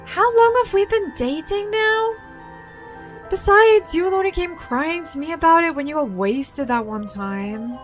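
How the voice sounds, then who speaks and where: A woman voicing a sharp-tongued young woman who teases her boyfriend in a visual novel, in an exasperated tone. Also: very high-pitched, animated, measured pace, soft background music, pitched above the performer's own voice. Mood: teasing.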